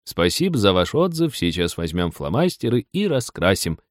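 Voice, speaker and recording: A man voicing a playful, sarcastic adult man who speaks in a slow, teasing drawl. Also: sits low, big pitch swings, dry recording, clean studio sound.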